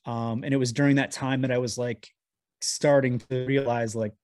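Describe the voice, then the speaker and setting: A comics editor, a guest in a casual interview, talks over a shaky video call connection, rambling and often restarting his sentences. His mid-range voice is steady and a little mellow at a moderate pace, with clean studio sound and no echo.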